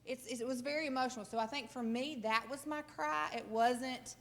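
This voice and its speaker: A woman's voice: sits high, fairly even intonation, normal speed, a bit bright. Earnest woman giving a testimony. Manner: earnest and emotional, speaking plainly. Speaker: church member sharing a testimony. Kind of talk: personal testimony.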